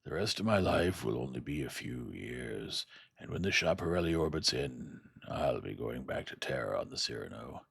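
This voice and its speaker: Guy reading a tired old professor, super low and husky, quiet and slow, kind of resigned. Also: lively intonation, no echo, studio quality, exaggerated voice. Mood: weary, gentle. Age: older. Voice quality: soft, slow and hushed. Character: old male scholar, weary and kindly.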